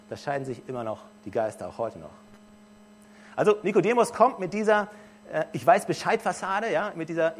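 A man delivers a sermon in a fairly high voice and talks to his listeners directly, in a lively, conversational way. A faint hum runs beneath the recording. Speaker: preacher.

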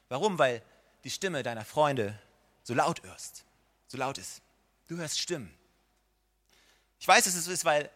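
A man's voice: fairly high pitch, pushed and bright. A man preaching a sermon in a church, addressing the listener directly with rising and falling emphasis. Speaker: pastor.

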